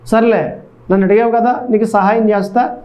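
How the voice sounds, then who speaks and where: A man's voice: high-pitched, steady tone, normal speed, natural voice. A brusque royal minister who brushes off and scolds a beggar, as a male preacher puts him on. His talk is curt and impatient. The recording sounds dull and lo-fi.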